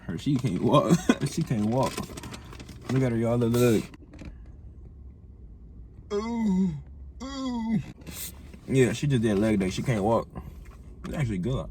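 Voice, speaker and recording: A man's voice: medium pitch, sing-song, takes it slowly, pauses often, mellow, a little hiss or hum. A man vlogging a food challenge in casual, slangy chat, laughing often.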